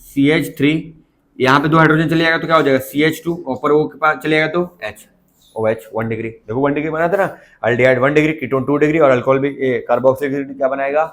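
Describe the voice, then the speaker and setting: A man's voice: mid-range voice, fairly even intonation, fairly quick, a bit bright. A man teaching a chemistry lesson, constantly checking whether his students understood. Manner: coaxing, keeps asking students if they understood. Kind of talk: classroom lecture.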